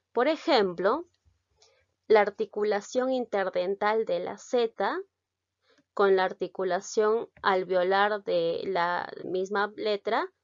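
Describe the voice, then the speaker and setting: A woman from Peru with a Peruvian Spanish accent, teaching a recorded lesson, explaining slowly and carefully and checking in with the listener. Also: mid-range voice, dry recording, highs cut off.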